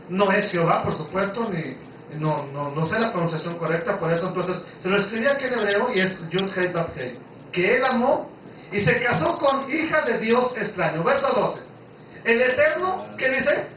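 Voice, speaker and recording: High-voiced preacher in an echoey room. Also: male voice, distant mic, highs cut off, a little hiss or hum. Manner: asks the congregation questions, emphatic and conversational. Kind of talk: Bible-study sermon.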